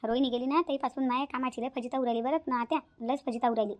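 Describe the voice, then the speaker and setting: A woman's voice: high-pitched, steady tone, very fast, close to an everyday voice. A woman voicing an overworked, complaining young daughter-in-law in a cartoon.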